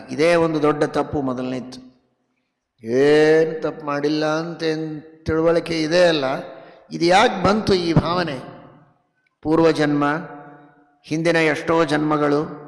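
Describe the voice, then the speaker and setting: A man with a North Karnataka Kannada accent giving a devotional sermon, chanting Sanskrit verses slowly and moving between loud emphatic stresses and quiet asides. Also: fairly high pitch, vocal fry. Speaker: religious teacher giving a discourse. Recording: long hall reverb.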